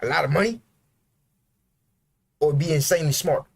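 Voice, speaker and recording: A man's voice: fairly high pitch, moderate pace, gravelly, husky. A man hosting a livestream, giving a blunt, profane motivational rant about self-investment and working for himself.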